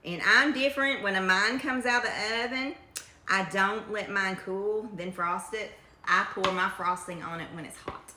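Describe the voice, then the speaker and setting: A middle-aged woman from Kentucky, United States, presents a recipe in her home kitchen, chatting in a folksy, homespun Kentucky accent. Her mid-range voice moves at a moderate pace, and the indoor room sounds echoey with faint noise.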